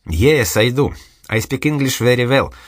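A man's voice: lowish voice, animated, a little slow, a bit bright, dry recording, studio quality. A man reading an audiobook, voicing a sincere, naive young man who has lost his memory, speaking hesitantly. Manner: hesitant, earnest.

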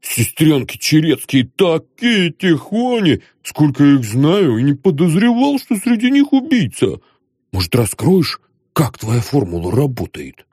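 A man voicing a chatty, flattering male friend in an audiobook, talking in an effusive, glib way. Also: on the high side, unhurried, breathy edge, dry recording, clean studio sound, pitched above the performer's own voice, full character voice.

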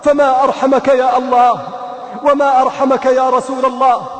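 A man's voice: very high-pitched, little pitch movement, fairly quick, a bit bright. A man preaching an impassioned sermon, telling a story in the first person and pleading with rhetorical questions. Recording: echoey hall with long reverb.

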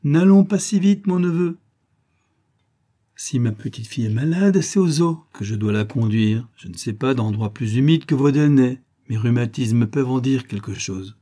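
A man voicing a gruff, protective elderly grandfather who grumbles and scolds in a husky, dark voice. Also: mid-range voice, moderate pace, hardly any pauses, natural voice. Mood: reproving. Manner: grumbling, exclamatory.

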